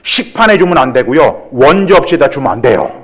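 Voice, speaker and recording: Animated jokey pastor, lively pitch. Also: male voice, fairly quick. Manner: animated, jokey, acts out greetings and dialogue. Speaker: guest pastor leading a church growth seminar. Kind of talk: seminar-style sermon with acted examples and jokes. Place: church sanctuary.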